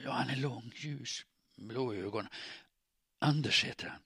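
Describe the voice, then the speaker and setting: A man reading an audiobook, voicing a hoarse, frantic young woman who stammers and rushes her words. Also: mid-range voice, a bit bright, dry recording, studio quality, voice pushed up. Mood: tumbling, eager. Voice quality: hoarse, strained.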